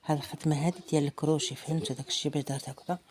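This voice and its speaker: A woman's voice: sits low, little pitch movement, very fast, darkish tone, a little hiss or hum. A woman with a Moroccan Arabic accent teaching embroidery in a casual, chatty way, thinking aloud as she works and sometimes murmuring to herself. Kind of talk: casual hands-on craft tutorial.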